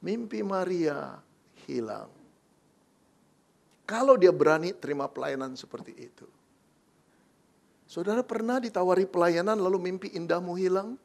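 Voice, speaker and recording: A man preaches with a high, gravelly voice. He tells the story dramatically and keeps asking the congregation questions. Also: lively intonation, normal speed, long pauses, darkish tone. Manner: dramatic storytelling, acting out dialogue. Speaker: pastor. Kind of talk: sermon.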